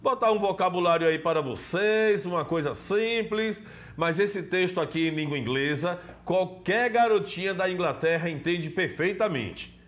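A man's voice: high voice, animated, normal speed, fairly bright tone. A man teaching an English lesson in Portuguese with a Brazilian accent, explaining step by step and greeting students by name. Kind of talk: televised classroom lesson.

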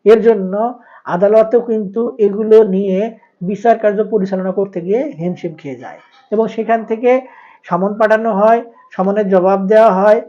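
A man from Bangladesh, hosting a channel and explaining land records law in a formal, measured monologue. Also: high-pitched, fairly even intonation. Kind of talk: informative monologue. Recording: dull lo-fi recording.

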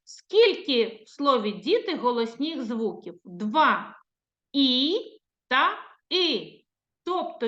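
A woman preschool teacher giving a lesson to young children, speaking slowly in a sing-song teacherly way and drawing out her words. She has a Ukrainian accent. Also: sits high, bright, forceful tone. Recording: echoey room, dull lo-fi sound.

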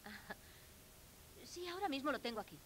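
A woman's voice: high-pitched, animated, moderate pace, fairly bright tone. An actress playing an anxious, caring mother in a dubbed film drama. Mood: puzzled. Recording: noisy, hissy 1970s film soundtrack.

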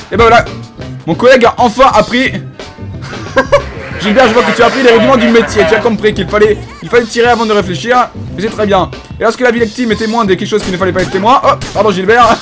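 A man putting on a self-important police inspector for a comedic video game commentary, speaking French-accented with a high-pitched voice. He lectures in a mock-solemn, officious tone, stumbling over hesitant fillers. Faint game music sits in the background. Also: lightly acted. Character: pompous bumbling male police inspector. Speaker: gaming YouTuber.

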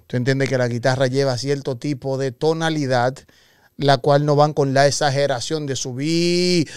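A man's voice: medium pitch, fairly even intonation, normal speed, smooth, no room sound, clean studio sound. A man co-hosting a casual music podcast, playfully arguing about a song in local slang. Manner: argumentative, playful, talks in slang. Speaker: podcast co-host. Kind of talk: casual music reaction chat.

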